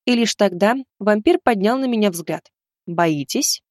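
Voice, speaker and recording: A woman narrating a first-person fantasy audiobook, expressive and storytelling. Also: mid-range voice, moderate pace, no room sound, studio quality.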